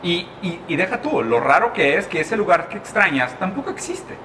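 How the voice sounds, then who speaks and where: A man's voice: high voice, big pitch swings, normal speed, bright, forceful tone, a little hiss or hum. A man from Brazil in a casual chat, reflective and thinking aloud with many restarts.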